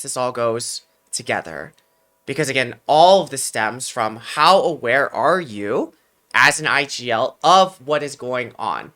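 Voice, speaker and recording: A man's voice: medium pitch, sharp tone. A man streaming live as an esports mental coach, earnest and explanatory, with a slightly sick voice as he talks to his chat. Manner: earnest, explanatory, repeats phrases for emphasis. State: under the weather, slightly sick voice. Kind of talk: livestream talk to chat.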